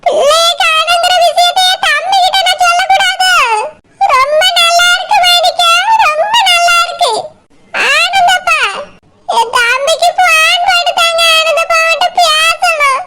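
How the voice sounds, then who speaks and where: A woman voicing a tearful elderly village mother-in-law in a cartoon, wailing and shouting through tears. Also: very high-pitched, fairly even intonation, a little slow. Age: older. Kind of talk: cartoon village comedy voice acting. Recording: loud background noise.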